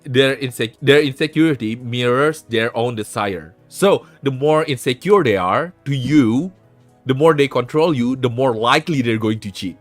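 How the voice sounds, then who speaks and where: An Indonesian man hosts a live stream, handing out blunt relationship advice in a casual chat while cursing freely and starting his sentences over. His voice sits at a medium pitch with a slightly bright edge, and there's no room sound at all.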